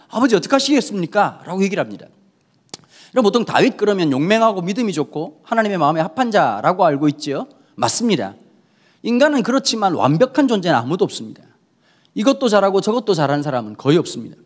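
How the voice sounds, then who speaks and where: A middle-aged male pastor giving a sermon, telling the story with lively acted-out dialogue. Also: sits high. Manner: lively storytelling, acting out quoted characters in dialogue.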